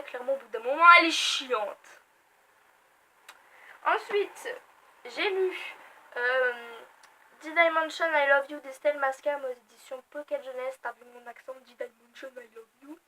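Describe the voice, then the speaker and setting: A young French woman casually reviewing books she read, chatty and animated, with self-mocking asides and frequent fillers. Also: high voice, a little hiss or hum, low-quality recording. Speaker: book vlogger. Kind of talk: casual book review vlog.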